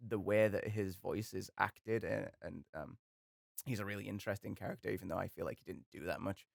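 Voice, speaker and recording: Speaking in a fairly low, creaky voice, a young man who does character voices as a hobby chats hesitantly and pokes fun at himself. The casual commentary is recorded at studio quality with no echo.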